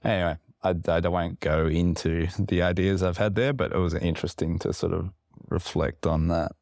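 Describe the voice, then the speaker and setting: A man with a very deep, gravelly voice chats on a podcast, wandering through his thoughts with fillers and restarts. He sounds slightly woozy from medication. The sound is close and dry. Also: fairly even intonation, normal speed, a little mellow, dry recording. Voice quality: very low, gravelly voice. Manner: rambling, many fillers and restarts. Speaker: podcast co-host. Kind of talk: casual podcast chat.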